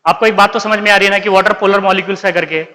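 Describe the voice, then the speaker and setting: A man's voice: high voice, fairly even intonation, very fast, pushed and bright, big-room sound, rough recording. A man with an Indian accent teaching chemistry, mixing English terms into his lecture and repeatedly asking his students questions, then answering them himself. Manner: keeps quizzing students and answering himself, calls them beta. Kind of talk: classroom lecture.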